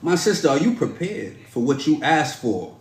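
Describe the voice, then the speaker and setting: A man performing a spoken-word poem to a woman in a measured, dramatic, pleading delivery. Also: fairly high pitch, big pitch swings. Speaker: podcast host performing a poem. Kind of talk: spoken-word poetry recital. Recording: roomy echo.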